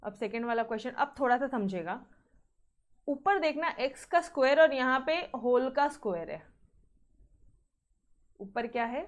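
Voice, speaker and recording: In this maths lesson, a woman mixes English terms into her Hindi, checks in with students often, and sternly reminds them to practise. Her voice sits high with lively intonation, moving at a normal speed with frequent pauses.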